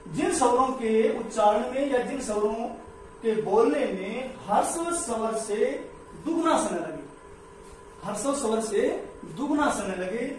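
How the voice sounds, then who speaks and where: Male grammar teacher, very high voice, slow and deliberate, repeats every definition; heavy room echo, mic far off. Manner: repeats each definition slowly, step by step. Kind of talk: slow explanatory lesson. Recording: echoey room, mic far off, faint noise.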